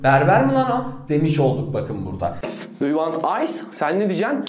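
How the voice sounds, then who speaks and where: A man teaching English with jokes and mocking asides, lively and teasing. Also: a little high, fairly quick. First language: Turkish. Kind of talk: comedic lesson rant.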